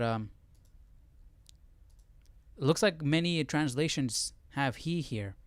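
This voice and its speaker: A man hosting an informal Bible study livestream reads passages aloud and thinks through them step by step in a casual way. His mid-range voice comes through with no echo.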